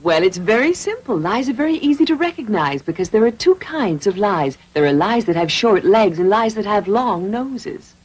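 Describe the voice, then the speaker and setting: Gentle, lilting fairy godmother. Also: mid-range voice, animated, normal speed, few pauses, breathy edge. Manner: soothing, gently scolding. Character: gentle motherly fairy with blue hair.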